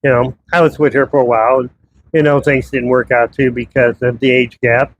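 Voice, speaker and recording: A man's voice: medium pitch, flat delivery, fairly quick, highs cut off, slight background noise. Man, 50s, solo vlogger; loose, conversational, meandering delivery at home. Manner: rambling, conversational storytelling. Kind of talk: casual personal monologue. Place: his townhouse abroad.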